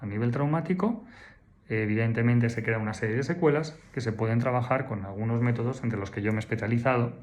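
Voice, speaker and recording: A man speaks at an ordinary mid pitch as a therapist answering a question. He teaches in a didactic way and leans on rhetorical questions. He checks in often with little "mm?" and "vale?" prompts. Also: fast talker. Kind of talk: explanatory talk to camera.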